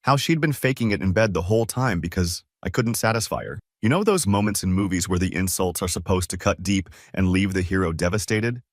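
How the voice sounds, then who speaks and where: A man's voice: low voice, animated, a little fast, hardly any pauses, no echo, clean studio sound. A man reading a first-person story aloud in a casual, conversational way. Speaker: narrator.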